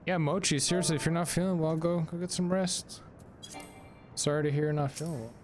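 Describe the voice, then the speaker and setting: A man's voice: a little high, fairly even intonation, brisk, faint music behind. A man casually chatting to his viewers while playing a game, reading and answering chat. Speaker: streamer. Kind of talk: casual live gameplay commentary.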